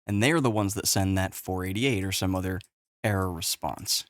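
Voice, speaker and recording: A man's voice: low voice, normal speed, a bit bright, no room sound. A man casually explaining tech on a whiteboard, exasperated and profane, recorded on a webcam. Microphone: webcam with face overlay.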